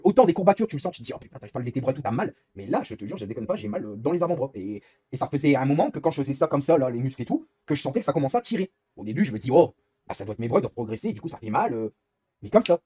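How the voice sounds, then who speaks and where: A man's voice: medium pitch, big pitch swings, rapid-fire, warm tone, slightly rough, dry recording. A young man live-streaming while gaming, rambling in casual chat and swearing often as he complains.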